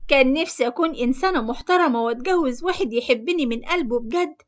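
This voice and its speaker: A woman storyteller with an Egyptian accent and a notably high voice. She narrates in the first person in a plain, confessional, matter-of-fact way. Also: fast. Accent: Egyptian Arabic.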